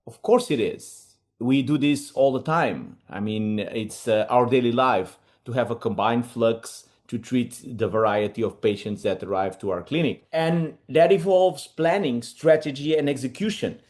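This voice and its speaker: Relaxed dentist presenting. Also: male voice, medium pitch, measured pace. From Portugal. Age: middle-aged. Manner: relaxed, many fillers, slightly non-native phrasing. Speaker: implant dentist, webinar co-host. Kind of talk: casual presentation.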